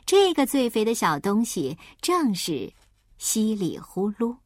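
A woman narrating a children's storybook aloud with lively, expressive storytelling. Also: mid-range voice, slow pace. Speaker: storybook reader.

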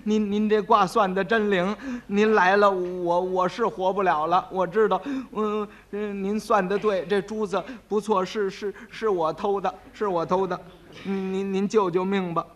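A man's voice: high-pitched, little pitch movement, normal speed, close to an everyday voice. A man voicing a frightened male chief steward who stammers and begs for mercy in a comic storytelling act. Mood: pleading. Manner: stammering, pleading.

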